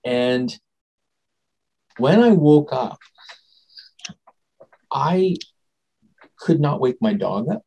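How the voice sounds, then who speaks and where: A man being interviewed as a guest, telling a personal story in a rambling, animated way and often trailing off and restarting. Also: mid-range voice, extremely slow, long pauses, slightly rough, poor audio. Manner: animated, acts out quoted dialogue.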